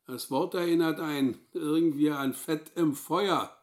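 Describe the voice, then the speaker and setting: Guy playing a wry storytelling man in a radio play, a bit high. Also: a little slow, natural voice. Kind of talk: radio drama acting.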